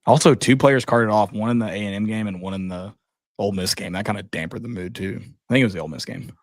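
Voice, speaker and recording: A man's voice: on the low side, quick pace, no room sound, clean studio sound. A man co-hosting a podcast, chatting casually about college football in a blunt, joking way. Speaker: podcast co-host. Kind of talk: casual sports chat.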